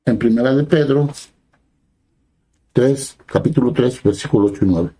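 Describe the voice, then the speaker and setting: Dark-voiced male preacher. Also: mid-range voice, moderate pace, breathy edge, rough recording. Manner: reads scripture aloud, then explains it in plain conversational words; asks the listeners brief rhetorical questions. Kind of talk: sermon.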